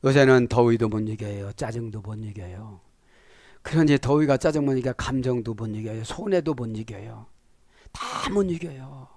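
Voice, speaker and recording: A male pastor preaching a sermon on biblical Greek grammar in a lively, animated way, often checking in with his listeners and acting out voices in little scenes. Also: medium pitch, normal speed, no room sound. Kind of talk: sermon, Bible word study.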